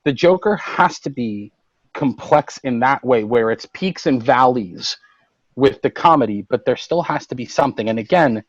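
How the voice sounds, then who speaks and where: A man co-hosting a casual roundtable podcast, retelling comic book plots in animated detail. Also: mid-range voice, normal speed, no room sound, dull audio. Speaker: podcast co-host.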